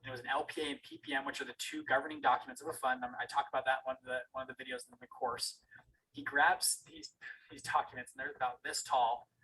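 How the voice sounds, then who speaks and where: A bright, forceful male voice at a middling pitch tells a personal story over a video call. He teaches a trading course and acts out the back-and-forth of the dialogue with animated energy. He trips and restarts his phrases as he goes. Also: fast talker, slight background noise, low-quality recording.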